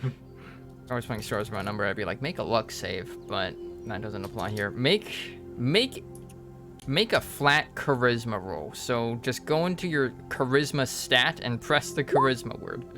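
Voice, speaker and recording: A man narrating a tabletop role-playing game as game master, improvising in halting pieces. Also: medium pitch, lively intonation. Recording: music behind the voice.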